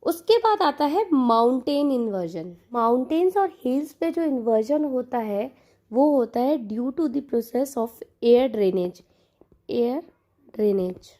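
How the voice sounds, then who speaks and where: Her voice is fairly high yet dark in tone, and she speaks slowly and expressively. As an online exam-prep teacher, she lectures in a Hindi-English mix and keeps repeating the key terms for her students.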